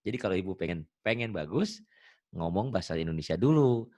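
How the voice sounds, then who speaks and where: Lively-voiced man teaching Quran reading. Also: sits low, no room sound, studio quality. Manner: patient, chatty explaining, drawn-out chanted recitation. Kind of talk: online Quran reading lesson.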